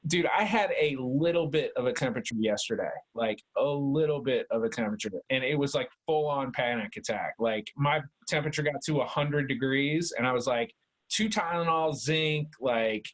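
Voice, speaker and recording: A man's voice: medium pitch, moderate pace. A man in his thirties co-hosting a podcast, rambling in casual chat and peppering every sentence with "like", "dude" and swearing. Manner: rambling, heavy "like" and "dude" fillers, swears a lot. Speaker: podcast co-host.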